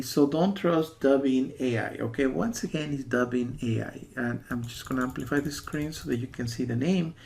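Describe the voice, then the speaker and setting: An American software reviewer with a medium-pitched, creaky voice gives a casual spoken review meant to warn viewers. He rambles and insists, often saying the same things over again.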